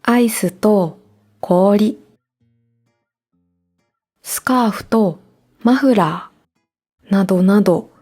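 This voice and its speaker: Gentle woman hosting a podcast. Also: medium pitch, drawn-out words, long pauses, soft background music. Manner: clear, gentle explanatory delivery. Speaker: podcast host. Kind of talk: calm scripted podcast teaching Japanese.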